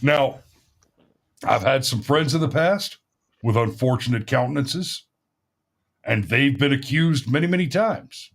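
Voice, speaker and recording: A man's voice: medium pitch, lively intonation, a little slow, long pauses. A man hosting a casual talk show, giving opinions emphatically and repeating phrases for effect.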